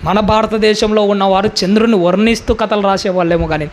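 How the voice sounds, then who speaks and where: A man's voice: sits high, steady tone, brisk, a little hiss or hum. A male pastor preaching a sermon with emphatic rhetorical questions.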